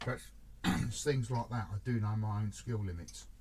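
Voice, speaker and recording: A man with a lowish voice talks through his model build at a home workbench. He chats in a relaxed, self-deprecating way, half muttering to himself while he works. A faint hum of the room sits behind him. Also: moderate pace, rough recording. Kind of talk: casual build commentary.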